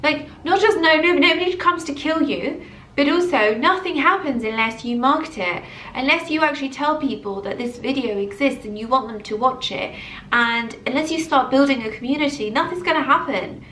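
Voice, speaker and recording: A woman's voice: high voice, normal speed, roomy sound, far from the mic, a little hiss or hum. A woman in her early thirties talking casually and emphatically to camera in a motivational vlog, from England. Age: early 30s. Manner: animated, emphatic repetition. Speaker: vlogger. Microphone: camera mic.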